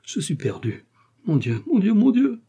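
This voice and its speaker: A man lifts his voice into a desperate queen, high and strained, crying out in fear. The tone stays mellow and a little husky even at its peak, each plea anguished and urgent in an audiobook reading. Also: moderate pace, close to an everyday voice. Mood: despairing. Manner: anguished, exclaiming pleas. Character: frightened desperate queen, a woman.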